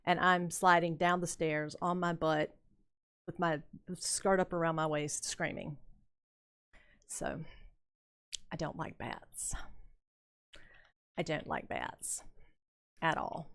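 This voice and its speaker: A woman's voice: low voice, fairly even intonation, slow pace, pauses often, fairly bright tone, clear, resonant tone. An older woman streamer chatting casually and telling a rambling story while she plays a game, laughing often. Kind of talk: casual chat while playing.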